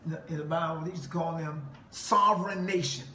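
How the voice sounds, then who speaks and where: A man's voice: on the high side, fairly even intonation, fairly quick, pushed and bright. A man delivering an emphatic preaching monologue to a listener, quoting scripture and laughing mockingly. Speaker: self-styled preacher. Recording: echoey room with faint noise.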